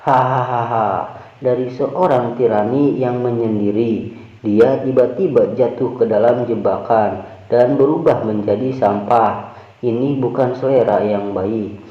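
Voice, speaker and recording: A man's voice: medium pitch, measured pace, lightly acted. A man voicing a scheming, resentful older male traitor in a comic recap, gloating and harsh. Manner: gloating, then shouting. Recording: roomy, dull lo-fi.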